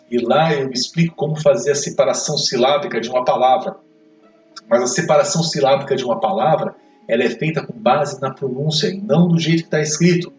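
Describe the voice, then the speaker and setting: A man teaching an English grammar lesson, explaining step by step and checking in with quick questions. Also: mid-range voice. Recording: echoey room, mic far off, faint music.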